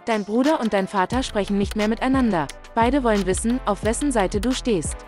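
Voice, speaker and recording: A woman interviewer reading out prepared questions in a plain, even way. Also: a little high, fairly quick, faint music behind.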